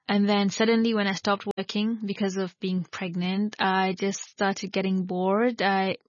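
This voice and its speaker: A woman in her thirties from Hong Kong, answering interview questions casually with halting restarts. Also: mid-range voice, no echo. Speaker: guest entrepreneur. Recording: dry, slightly muffled radio broadcast.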